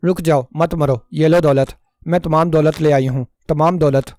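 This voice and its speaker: A man's voice: a little high, warm tone, no echo, studio quality, lightly acted. A man voicing a naive, easily frightened young wife who pleads anxiously, in a storybook reading. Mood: panicked.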